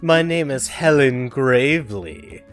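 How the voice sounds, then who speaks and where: A man voicing a posh, sinister female hotel owner, speaking in a grand, drawn-out fancy manner. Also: medium pitch, expressive, faint music behind, pitched above the performer's own voice.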